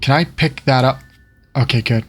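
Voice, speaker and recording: A man playing a video game, chatting casually and reading in-game letters aloud with quick reactions. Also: medium pitch, faint music behind. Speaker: let's play gamer.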